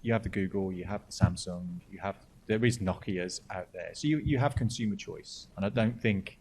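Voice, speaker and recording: A man hosts a podcast chat in a fairly low voice, rambling and jokey, starting his sentences over again and again. A faint rumble sits under his voice. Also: moderate pace, a little mellow. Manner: jokey, rambling, with repeated restarts. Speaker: podcast host. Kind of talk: casual chat.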